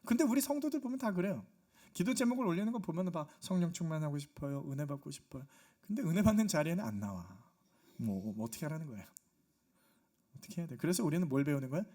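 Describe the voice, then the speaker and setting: A man's voice: high-pitched, darkish tone. A male pastor preaching a Sunday sermon in a church, driving his points home with rhetorical questions and emphatic repetition. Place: church sanctuary.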